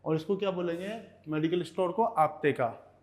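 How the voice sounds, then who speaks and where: A man teaching Russian vocabulary in Hindi, repeating each word slowly and checking in with "okay" as he goes. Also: sits high. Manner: repeats words slowly, often says "ठीक है". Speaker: language teacher.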